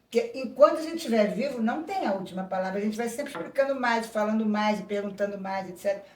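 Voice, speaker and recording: Heard in an echoey room, slightly distant from the microphone, a woman psychoanalyst talks reflectively as an interview guest. She speaks quickly in a mid-range voice, working through ideas carefully and often going off on asides.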